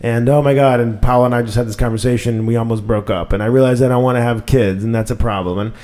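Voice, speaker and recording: Talking fast in a mid-range voice, this man in his thirties hosts a podcast, telling stories in a loose, rambling, lively way and leaning heavily on fillers.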